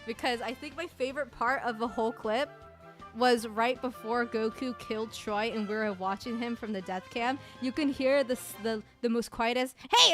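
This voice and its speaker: A woman streamer giving casual, chatty commentary at a year-end awards stream, laughing often. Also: fairly high pitch.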